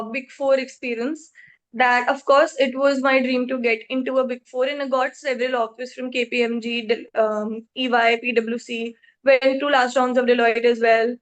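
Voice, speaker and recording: A woman's voice: high-pitched, a bit bright. A woman in her twenties with an Indian accent, answering interview questions about her career in an articulate, self-assured way. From Jaipur, India. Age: 20s. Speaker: podcast guest, accountancy trainee.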